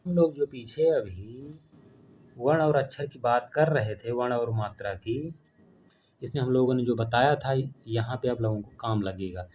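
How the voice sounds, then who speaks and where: A man teaches a grammar class for an online audience, going step by step. He poses questions and answers them himself, in a mellow, darker voice over a faint background hiss. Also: mid-range voice, normal speed. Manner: explanatory, asks and answers his own questions.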